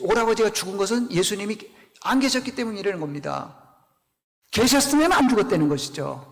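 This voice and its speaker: A man preaches in a high voice, telling a scripture story with animation. He keeps turning to his listeners with questions, and a long church reverb hangs after him. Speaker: pastor. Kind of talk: sermon. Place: church sanctuary.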